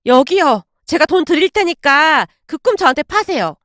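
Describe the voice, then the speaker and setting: A woman's voice: extremely high pitch, big pitch swings, moderate pace, a bit bright, no room sound, voice pushed up, exaggerated voice. A woman voicing a shameless, pushy young daughter-in-law who wheedles and pleads, recorded dry and close. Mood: wheedling.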